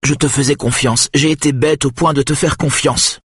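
A man voicing a hurt, furious wife in an audiobook, with sharp accusing outbursts and a raised voice. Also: medium pitch, steady tone, normal speed, slightly rough, dry recording, studio quality, pitched above the performer's own voice. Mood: upset. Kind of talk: audiobook character voice.

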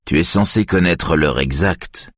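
A bossy, impatient middle-aged police chief with a mocking tone, as a male narrator puts him on. The voice stays very deep and husky, recorded close in a dry room. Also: a little slow, a bit bright, no echo.

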